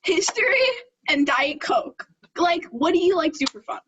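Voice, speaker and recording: A woman's voice: extremely high pitch, sing-song, moderate pace, fairly bright tone. A young woman acting as a student interviewer, asking eager, bubbly questions. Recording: slightly dull lo-fi sound.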